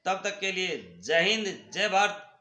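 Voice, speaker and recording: A man with a Haryanvi accent walks students through a school lesson at an unhurried pace, his high, bright voice ringing in an echoey room. He patiently repeats words for pronunciation. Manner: addresses students as brother. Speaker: teacher.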